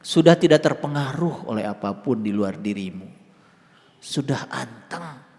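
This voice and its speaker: A male Islamic spiritual teacher with a Sundanese accent gives an informal sermon, talking conversationally and swinging between soft murmurs and loud, emphatic stresses. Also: medium pitch, lively intonation, measured pace. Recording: long hall reverb.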